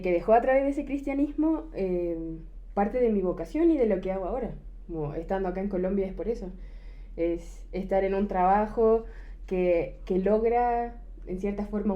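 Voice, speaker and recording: A woman's voice: mid-range voice, warm tone. A woman from Chile speaking as a podcast guest in a friendly, easygoing way. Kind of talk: podcast conversation. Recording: dull lo-fi sound.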